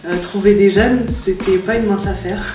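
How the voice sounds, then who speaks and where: A woman's voice: mid-range voice, moderate pace. A woman who coordinates a youth project, explaining how it came together with frequent hesitations. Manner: steady explaining with frequent "euh". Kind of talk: casual interview. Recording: distant echoey recording with music.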